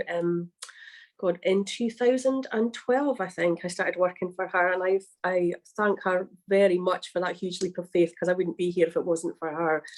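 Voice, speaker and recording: A Scottish woman, a baker and cookbook author, chats casually on a livestream video call, laughing often. Her voice is lowish with a darkish tone.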